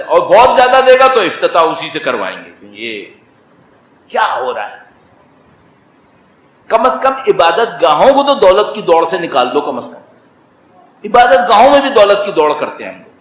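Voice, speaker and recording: A man with a Pakistani Urdu accent delivering a sermon, animated and rising to emphatic exclamations. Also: high voice. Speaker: religious speaker. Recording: echoey hall, faint ambience.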